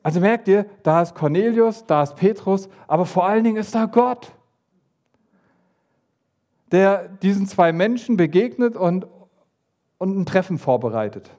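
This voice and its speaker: A man delivers a sermon with lively, playful storytelling. He jumps in and out of the voices of the story's figures and talks straight to the congregation. His voice sits a little high. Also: moderate pace, long pauses. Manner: animated, acts out voices of the story with pitch jumps and asides. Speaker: preacher.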